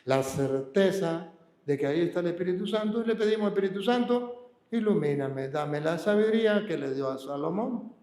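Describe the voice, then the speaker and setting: A man preaching as a priest, emphatic and then slowing to a calm hush on key words. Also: high voice, roomy sound. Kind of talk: sermon teaching scripture reading.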